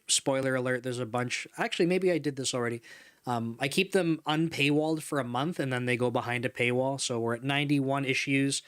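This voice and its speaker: This livestream comes from a home studio room with a couch and neon lights, where a man in his thirties chats casually at length, laughs frequently and reads chat aloud. A desk microphone in front picks up his clean, mid-range, fairly bright voice.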